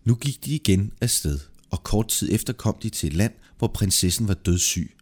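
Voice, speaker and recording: A man narrating a folk tale aloud in a lively, expressive storytelling manner. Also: lowish voice.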